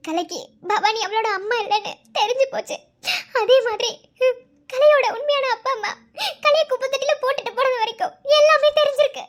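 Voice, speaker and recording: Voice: very high voice, brisk. A performer voicing a guilt-ridden young mother in a cartoon, pleading and sobbing on the phone. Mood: distraught. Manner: pleading, sobbing and repeating his name. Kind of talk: cartoon voice acting.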